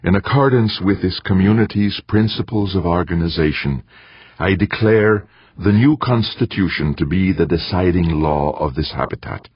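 Reluctant elderly professor, formal and stiff, read by a male narrator; low, husky, lo-fi. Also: normal speed, no room sound. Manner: formal declaring. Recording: dull dry lo-fi recording.

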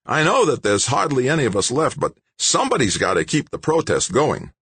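A man's voice: medium pitch, huge pitch swings, fairly quick, fairly bright tone, slightly rough, dry recording, pitched above the performer's own voice, exaggerated voice. A man reading aloud voices a stubborn, serene middle-aged male anti-nuclear protester. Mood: insistent.

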